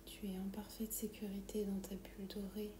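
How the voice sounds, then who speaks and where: A woman softly whispering a guided meditation in a breathy, soothing, calming way, as if right in the listener's ear. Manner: slow, calming, soothing instructions. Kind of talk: guided meditation, soft whispered ASMR-like delivery. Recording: roomy echo, low background rumble noise.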